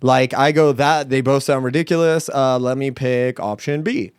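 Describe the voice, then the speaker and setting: A young man co-hosting a comedy podcast, excitable and profane, often laughing and shouting. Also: mid-range voice, moderate pace, clear, resonant tone, no room sound, studio quality. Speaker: podcast co-host. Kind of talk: casual comedic chat.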